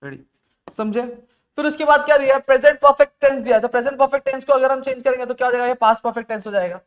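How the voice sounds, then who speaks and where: A male teacher leads a recorded grammar lesson with fairly even intonation. He fires off quick questions, then dictates the answers slowly, his voice sinking to a low murmur as he writes them out.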